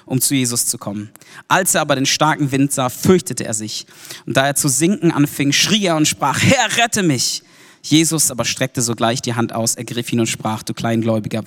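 A man from Germany preaching a casual, energetic sermon, informal and lively, with slangy interjections. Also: mid-range voice. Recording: long hall reverb.

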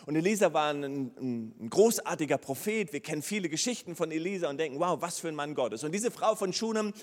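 A man's voice: on the high side, brisk. German-speaking man preaching in a reverberant hall. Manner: lively storytelling preacher, acts out the characters' lines. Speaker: pastor. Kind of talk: sermon.

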